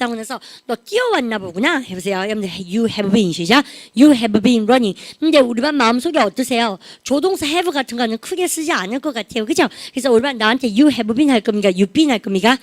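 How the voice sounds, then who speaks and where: A woman teaching English grammar in a lively classroom lecture, often prompting the class to repeat phrases aloud. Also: on the high side, dry recording. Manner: refers to herself as 쌤 (teacher). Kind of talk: classroom grammar lecture with call-and-response drills.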